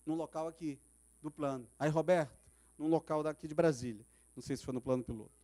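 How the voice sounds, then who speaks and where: A man's voice: a little high, quick pace, dark tone. A man with a Brazilian Portuguese accent, preaching a sermon as pastor at a church service, telling stories dramatically. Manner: dramatic storytelling, acting out quoted voices.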